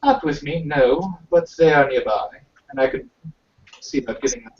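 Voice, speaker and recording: A man voicing a wealthy, pompous male merchant with a put-on British accent, haggling in a smooth, courteous way. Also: on the high side, normal speed, a little mellow, close to an everyday voice. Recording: roomy, distant, dull amateur recording.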